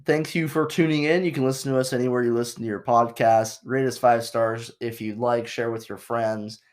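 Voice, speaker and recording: A young man co-hosts a casual podcast in an easygoing, mid-pitched voice. He sounds relaxed and a little hesitant, often trailing off before finishing his point. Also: fairly quick. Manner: laid-back and hesitant, trailing off. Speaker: podcast co-host. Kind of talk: casual chat.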